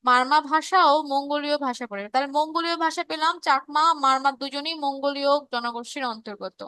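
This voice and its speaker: A woman with a Bangladeshi Bengali accent and a high, bright voice teaches a live online revision class, explaining step by step. She pauses on fillers and restarts and reads her students' chat messages aloud, all recorded close and dry with no room sound.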